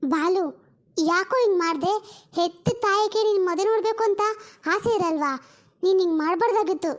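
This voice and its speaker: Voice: very high-pitched, brisk. A performer voicing a grieving elderly mother-in-law who laments and sobs in a family drama. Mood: wailing. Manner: wailing and lamenting, sobbing pleas.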